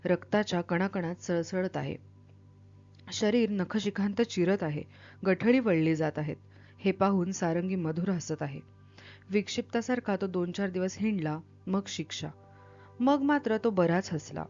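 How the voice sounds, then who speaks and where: A woman reading a novel aloud with expressive, dramatic delivery, then explaining it as a literature teacher. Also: on the low side, measured pace, highs cut off, soft background music.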